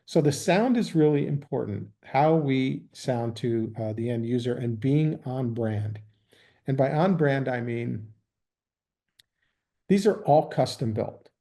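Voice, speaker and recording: As the guest in a business interview, a man who works as a sales executive explains business matters steadily and deliberately, peppering his talk with ums and uhs. His voice is dark, mellow and medium in pitch.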